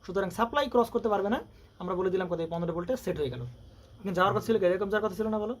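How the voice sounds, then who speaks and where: A man's voice: high-pitched, very fast. A male electronics tutor explains a circuit at breakneck speed. He keeps quizzing his students with rhetorical questions. Faint background noise sits under the recording. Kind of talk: classroom lecture with questions.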